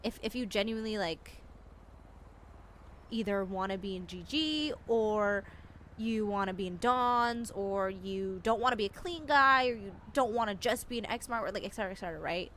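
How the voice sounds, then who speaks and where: A woman's voice: medium pitch, normal speed, fairly bright tone, a little hiss or hum. A woman in an in-character roleplay chat, giving earnest advice full of "like" and restarts. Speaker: roleplayer in a gang.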